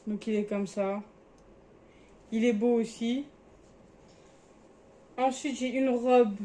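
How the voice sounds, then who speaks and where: A woman's voice: fairly high pitch, steady tone, slow, mellow, slight background noise. A young woman casually showing her clothes in a vlog, chatty and sometimes hesitant as she searches for words. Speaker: vlogger.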